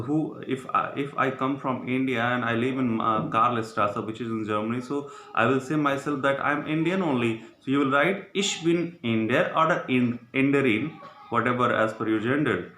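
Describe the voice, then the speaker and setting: A man teaching German in English, explaining slowly with frequent pauses and fillers. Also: mid-range voice, pushed and bright. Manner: slow, halting explanations with many fillers, mixing in Hindi. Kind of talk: recorded language lesson. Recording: echoey room with faint background noise.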